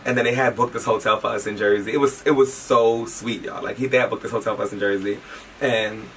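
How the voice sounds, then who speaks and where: A man telling a personal story in casual chat, animated and quick to laugh, swearing freely. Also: fairly low pitch. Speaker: interviewee telling a shared story. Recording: distant mic with faint background noise.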